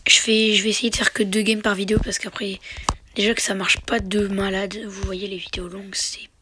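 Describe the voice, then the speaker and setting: A young mobile game YouTuber narrates his own gameplay with a sore throat and a slight cold, flipping between excited, slangy cheers and quiet muttering under his breath. His voice is high-pitched and a little fast, over a noisy background.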